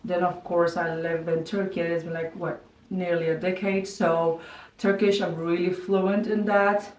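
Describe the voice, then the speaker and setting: Guiding viewers through her living room and bedroom, a Kazakh-speaking vlogger from Kazakhstan talks at a moderate pace in a fairly low voice. Her narration is relaxed and chatty, sprinkled with "like," and a distant mic catches the room's echo.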